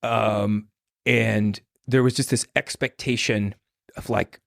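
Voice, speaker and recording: A man's voice: lowish voice, steady tone, takes it slowly, creaky, a bit bright, no room sound, studio quality. A man, born in Scotland and raised in Maine, telling rambling stories as a podcast guest, with frequent restarts and laughter. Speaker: podcast guest, hitchhiker and journalist. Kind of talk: casual conversational storytelling.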